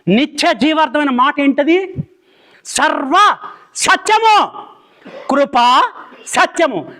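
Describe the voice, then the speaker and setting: High, bright-voiced Telugu preacher. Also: male voice. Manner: forceful, questioning the congregation. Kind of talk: sermon.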